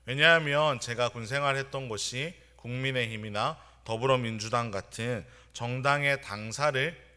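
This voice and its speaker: A young man preaches a sermon in a church, his voice bright and forward. He speaks earnestly and in a measured way, weaving in everyday stories. His pitch sits in an ordinary middle range. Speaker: pastor. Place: church sanctuary.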